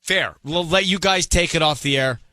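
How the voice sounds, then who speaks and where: A male radio host running a call-in segment, pressing a caller with calm, firm questions. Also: fairly high pitch, moderate pace, no echo.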